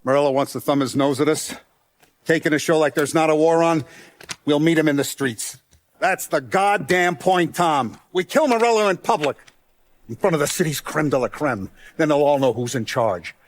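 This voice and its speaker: An actor voicing a hardened middle-aged mafia don in a video game, deliberate and authoritative, with streetwise gangster talk. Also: male voice, on the high side, lively intonation, natural voice. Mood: commanding, calculating. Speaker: crime boss in a video game. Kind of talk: video game character acting.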